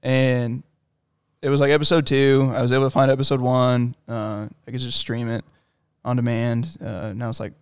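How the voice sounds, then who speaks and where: Guy, casual co-host, smooth dry voice, rambling storyteller. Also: medium pitch, level tone, moderate pace, no echo. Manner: rambling storyteller with many fillers. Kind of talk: casual chat.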